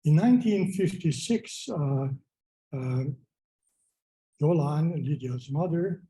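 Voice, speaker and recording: A man from Hungary with a Hungarian accent, speaking as a relative at a memorial, hesitant, with frequent "uh" pauses, into a microphone. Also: fairly high pitch, animated, dark tone, poor audio. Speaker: relative giving remarks. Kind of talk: spoken memorial remarks. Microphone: microphone at a gathering.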